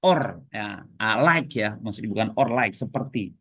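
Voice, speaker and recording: A man's voice: lowish voice, normal speed, no room sound, clean studio sound. A man with an Indonesian accent teaching an English lesson to a class, explaining and prompting students to repeat. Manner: lively, switches between explaining and prompting the class.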